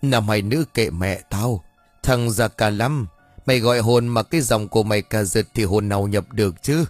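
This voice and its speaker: A man's voice: fairly low pitch, moderate pace, no echo, faint music behind, close to an everyday voice. A man voicing a vengeful ghost that possesses a woman and curses and threatens the living. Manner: spiteful, cursing, threatening.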